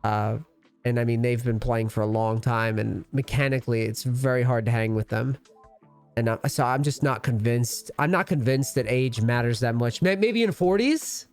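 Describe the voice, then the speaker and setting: Smooth and medium-pitched, this thirty-something man talks at normal speed over faint music. He streams and coaches League of Legends, and his commentary is casual, rambling and profane, full of loose slang.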